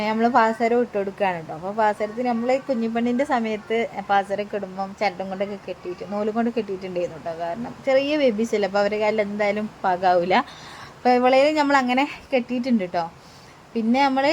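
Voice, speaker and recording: A young woman narrating a family vlog in a chatty voice-over, tagging her sentences with a friendly "tto" and pausing on filler sounds. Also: medium pitch, darkish tone, a little hiss or hum. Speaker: family vlogger.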